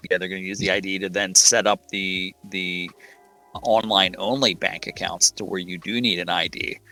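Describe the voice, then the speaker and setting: A man in casual conversation as a guest, talking in halting bursts with many restarts and fillers. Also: deep voice, fairly even intonation, bright, forceful tone, soft background music. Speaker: guest scambaiter. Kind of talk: casual chat.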